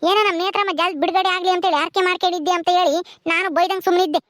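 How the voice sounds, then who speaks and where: A woman's voice: extremely high pitch, steady tone, rapid-fire, no room sound. A woman playing scolding village matriarch Kalamma. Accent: rural Karnataka Kannada. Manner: scolding, nagging, sharp-tongued. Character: bossy, short-tempered village mistress of a house. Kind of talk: homemade village drama.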